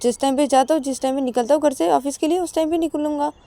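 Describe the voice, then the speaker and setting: A woman's voice: on the high side, moderate pace, mellow, lightly acted. A woman voicing Ananya, a protective young woman who coaxes and scolds insistently in a storybook tale. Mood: coaxing.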